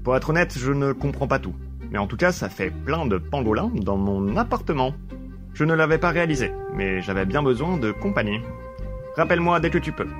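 A man's voice: medium pitch, sing-song, a little fast. A man playing an eccentric, self-important father who fancies himself a detective, leaving a rambling voicemail. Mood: indignant. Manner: rambling, pompous, absurdly earnest monologue. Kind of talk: comedic voicemail sketch. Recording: music playing underneath.

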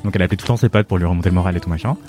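A man chatting on a podcast, gushing and talking fast, with lots of fillers and restarts. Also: low-pitched, a little mellow, faint music behind. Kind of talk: casual podcast chat.

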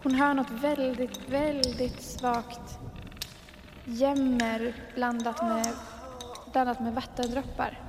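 A woman's voice: fairly high pitch, level tone, long reverb tail, noisy background. A woman improvising a horror story, narrating with suspense and building tension.

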